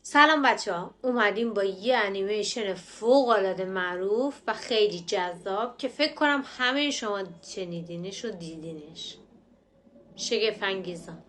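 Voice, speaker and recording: A woman language teacher explaining words slowly and patiently, repeating phrases and drilling their pronunciation. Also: medium pitch, fairly bright tone, a little hiss or hum. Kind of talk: explanatory lesson narration.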